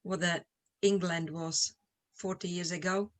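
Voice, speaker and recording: As a guest in an informal interview, a middle-aged woman from Slovakia, Eastern Europe, looks back on her own life. Her English bears a Slovak accent, and her voice is on the low side, steady, and measured in pace.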